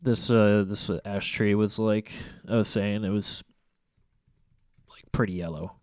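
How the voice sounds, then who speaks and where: In a small room at home by a window, a young photography vlogger with a stuffy, congested nose casually reviews his photos, rambling and hesitating with plenty of fillers and restarts. His voice is lowish and a little mellow, steady in tone and measured in pace. The sound is clean, studio-like, and free of echo.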